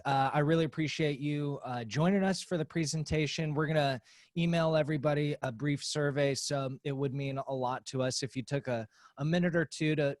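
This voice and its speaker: A man's voice: mid-range voice, no echo. A man moderating an online webinar, upbeat and thankful as he passes questions and wraps up. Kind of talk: hosting a webinar Q&A.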